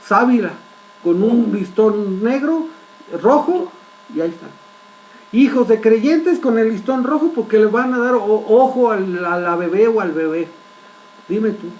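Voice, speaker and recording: A man. He retells the story with vivid, dramatic pauses and keeps checking in with his listeners through rhetorical questions. A faint hum runs underneath. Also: high-pitched, a little mellow, poor audio. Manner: asks the congregation frequent rhetorical questions. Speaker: preacher. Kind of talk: sermon.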